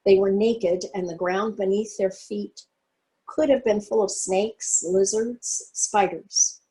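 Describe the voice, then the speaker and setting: A woman reading a literary story aloud in a steady, even manner. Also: medium pitch, rough recording. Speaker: reader.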